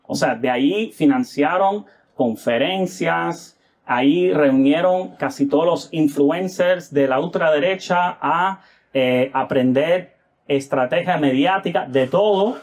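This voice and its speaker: A man's voice: a little high, slow, darkish tone. A man from the United States giving casual political commentary as a guest, hesitant, with many filler sounds and rhetorical tag questions.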